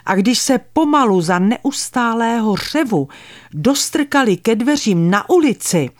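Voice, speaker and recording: An older woman calmly reading her own memoir with a wry storyteller's manner, close to a studio mic. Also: fairly high pitch, no room sound. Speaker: memoir author and narrator.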